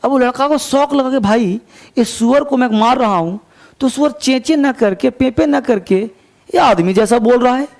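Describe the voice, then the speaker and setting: Male English teacher, high voice, gravelly, unhurried story reading with explanation. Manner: slow, deliberate reading of English lines, quicker asides. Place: coaching class.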